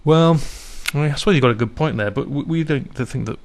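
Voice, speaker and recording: A man hosting a comic village radio show as its DJ, talking in a halting, stumbling, mock-serious way with many restarts. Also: a little high. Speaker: radio DJ and host. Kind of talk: improvised comedy radio banter. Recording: music playing underneath.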